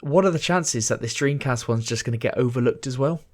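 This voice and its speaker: Excitable man hosting a podcast. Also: mid-range voice, fairly quick. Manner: excitable, swears freely, hypes things up. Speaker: podcast co-host. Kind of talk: casual gaming chat.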